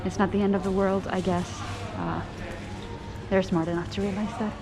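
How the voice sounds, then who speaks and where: Over music, a woman with a flat, mid-range voice talks at a moderate pace to her camera as she travels through an airport terminal. Her vlog is chatty, sarcastic and full of swearing.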